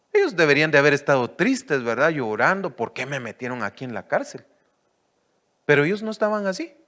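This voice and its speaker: A man preaches in a voice pitched a little above most men's. He keeps putting questions to the congregation. He moves from loud, lifted lines down to quiet, low asides. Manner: asks the congregation questions, then answers them. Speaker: church elder preaching. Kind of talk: sermon.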